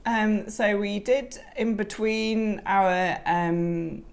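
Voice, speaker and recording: A woman with a South Island New Zealand accent, co-hosting a podcast in casual, halting talk that often repeats phrases. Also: medium pitch, steady tone, very noisy. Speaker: co-host of a knitting and crafting podcast. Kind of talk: casual unscripted co-host chat.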